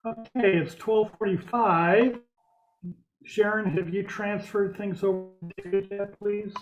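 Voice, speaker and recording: A man's voice: high voice, steady tone, a little slow. Guy running a board meeting over a conference call, muffled lo-fi audio, faint music behind. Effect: conference call audio, breaking up. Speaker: board chair. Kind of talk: chairing an online meeting.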